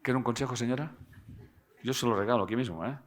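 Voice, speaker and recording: A man gives a live talk to an audience, animated and joking, often tagging his sentences with a questioning "eh?". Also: medium pitch, quick pace. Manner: animated, tags phrases with "¿eh?" and jokes with the audience. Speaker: speaker giving a seminar.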